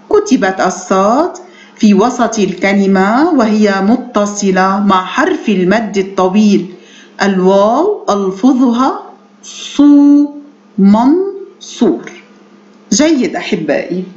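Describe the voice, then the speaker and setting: A woman teacher giving a reading lesson to young children, from Lebanon, who enunciates slowly and carefully, stretches out example words and answers her own questions with short praise. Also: mid-range voice. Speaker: primary school Arabic teacher. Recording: echoey room, dull lo-fi sound.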